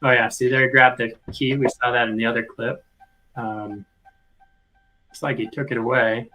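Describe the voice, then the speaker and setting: A man's voice: mid-range voice, level tone, moderate pace, sharp tone, faint music behind, rough recording. A man giving casual, think-aloud live commentary as a host going through video clips. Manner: thinking aloud, informal narration. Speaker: video host reviewing footage.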